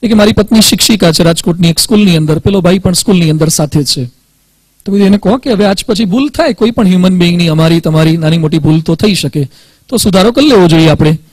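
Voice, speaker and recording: A man's voice: high voice, fast, dry recording, rough recording. A man with a Gujarati accent giving a motivational talk to students, telling stories and acting out dialogue, with English words mixed in.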